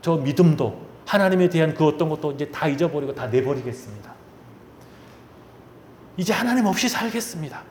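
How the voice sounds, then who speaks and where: A man's voice: fairly high pitch, expressive, a little fast, pauses often, a little mellow, reverberant, slight background noise, lightly acted. A man voicing an anguished aged patriarch who pleads with God in desperate questions. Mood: despairing.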